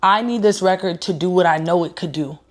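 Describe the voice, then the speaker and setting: A woman's voice: lowish voice, a little fast. A woman singer and rapper telling viewers a personal story in a casual vlog, earnest and emotional, speaking straight to her audience. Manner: excited at first, quieter and heartfelt later.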